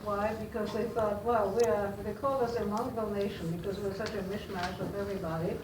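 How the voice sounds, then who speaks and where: An older Austrian woman whose first language is German speaks as a guest to a class of students, her accent distinctly Austrian German. Her medium-pitched voice stays steady, though she halts often, filling gaps and restarting her sentences. She sounds distant, caught in a roomy, noisy space.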